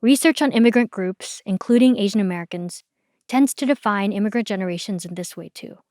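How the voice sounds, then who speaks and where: A woman's voice: medium pitch, a little mellow, no room sound. Woman narrating a documentary podcast, dry studio. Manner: measured, explanatory. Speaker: podcast host.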